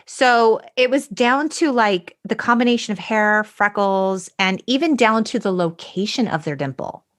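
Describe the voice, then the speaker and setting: A middle-aged woman co-hosts a podcast in a casual chat, speaking at a normal speed with a medium-pitched voice. She recounts researched facts the way a storyteller would.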